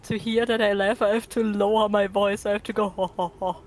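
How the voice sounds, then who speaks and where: A woman co-streamer chats casually on a Discord voice call during a game stream, with noise cancellation on and a noisy feed. Her medium-pitched voice is flat, fairly quick, and darkish in tone.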